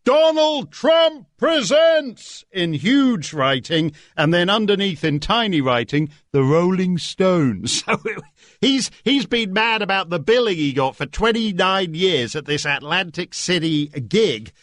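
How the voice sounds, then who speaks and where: A man's voice: sits high, lively intonation, unhurried, a bit bright, dry recording. A man guest-hosting a talk radio show from a studio, delivering a sardonic, joking monologue with frequent "uh" fillers. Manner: sardonic, jokey, many "uh" fillers. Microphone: studio microphone.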